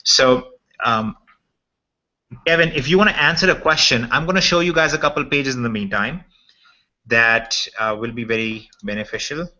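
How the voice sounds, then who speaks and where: Male webinar presenter, bright and punchy, informal step-by-step explainer, muffled video call sound. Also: medium pitch, normal speed. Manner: checks in often with "okay". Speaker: presenter of a members' update webinar. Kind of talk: informal screen-share walkthrough.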